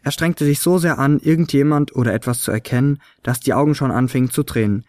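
A man narrating a children's Christmas story in a lively, expressive reading. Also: mid-range voice, fast talker, no room sound, studio quality.

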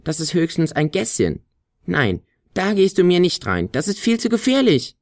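A man voicing a small, excitable female talking flute who frets and scolds in a raised voice. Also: dry recording, clean studio sound, lightly acted. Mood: alarmed. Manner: high, quick to fret, scolding.

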